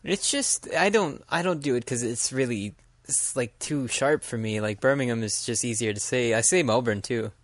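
A man's voice: mid-range voice, normal speed, few pauses, no room sound. Rambling American man, casual podcast chat. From United States. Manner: rambling, filler-heavy, frequent "like". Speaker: podcast co-host.

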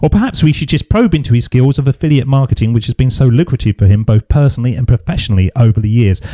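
A chatty English man hosts a podcast interview with a lively, swooping voice. His tone is mellow and soft-edged, and the sound is dry and close. He jokes easily and keeps things moving. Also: mid-range voice, dry recording. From England. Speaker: podcast host. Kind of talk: casual interview chat. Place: home garden studio. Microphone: internet call recording.

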